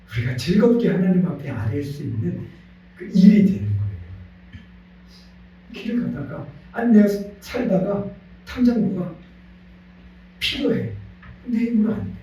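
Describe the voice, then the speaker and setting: Male pastor, sunday sermon, lively swooping voice, booming church echo, heard from afar. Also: dull audio. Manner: animated storytelling preacher, leads congregation in call-and-response. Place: church sanctuary. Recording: echoey church hall, voice from a distance.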